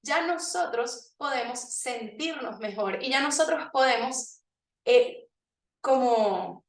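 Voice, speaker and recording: High-voiced woman leading a workshop. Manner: interactive, leads the audience through exercises, often checks in with "ok?". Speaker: workshop presenter. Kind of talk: motivational workshop talk. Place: room with a live audience. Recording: echoey room, voice from a distance.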